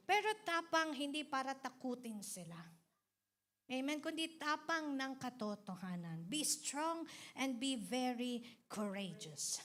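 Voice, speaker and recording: A woman with a Filipino accent preaching a sermon, emphatic and mixing in English, with lines for the congregation to repeat. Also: on the high side. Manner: emphatic, rising to loud exhortations.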